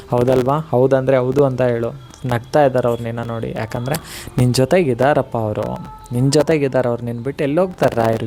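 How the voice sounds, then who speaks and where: A man's voice: medium pitch, darkish tone. A man giving a devotional motivational talk straight to the viewer, earnest and coaxing, repeating himself and asking for agreement.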